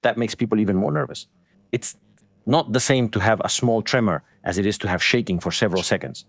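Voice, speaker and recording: A man hosts a live breaking news stream in a fairly low voice. He explains as he goes and restates points for emphasis. The sound is dry, with very little room in it. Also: brisk, no room sound.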